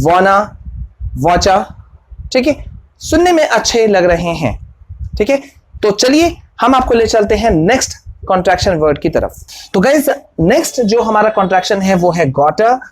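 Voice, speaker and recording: A woman teaching a spoken-language lesson, patiently explaining and repeating example sentences slowly word by word. She talks straight to viewers and checks in with them often. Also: medium pitch, rough recording. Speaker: English teacher.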